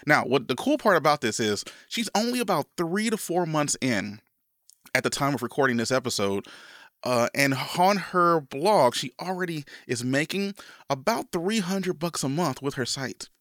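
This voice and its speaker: A podcast host with a voice on the high side speaks expressively at a moderate pace, with a fairly bright tone. He sounds slightly congested from a cold, enthusiastic and rambling with restarts, doing a casual intro and interview. The studio-quality recording has no room sound.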